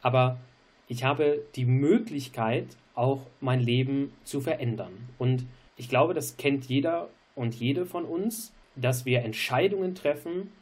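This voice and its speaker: A man's voice: mid-range voice, a little slow, darkish tone, husky. Earnest German man explaining theology. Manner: earnest, explanatory, repeats key phrases. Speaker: podcast co-host. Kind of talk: theological discussion.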